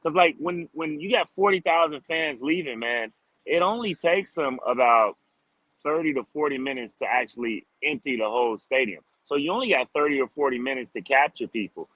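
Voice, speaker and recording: A street drummer being interviewed answers casually in an animated, medium-pitched voice at normal speed, with a fairly bright tone. He's upbeat and informal, often tossing in "like" and "man," and the recording has no echo but sounds rough.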